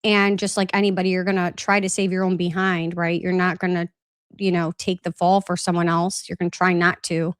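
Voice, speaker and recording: A podcast host with a fairly low, flat-pitched, clear and resonant voice speaks a little fast, sounding slightly congested and coughing a bit. She loosely rambles through a casual live-stream recap, reading out viewer comments for a Q&A. The studio sound is clean with no echo.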